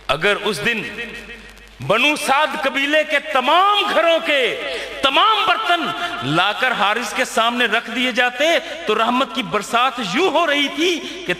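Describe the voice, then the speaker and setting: A man's voice: sits high, pushed and bright. A Pakistani man preaching a dramatic storytelling sermon, repeating phrases for emphasis. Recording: echoey hall with long reverb.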